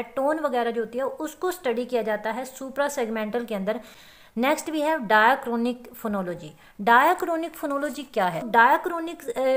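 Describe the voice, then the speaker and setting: A woman with a high voice teaches a lesson, walking through each term step by step. She slows right down when she reads out the English definitions. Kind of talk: classroom-style lecture.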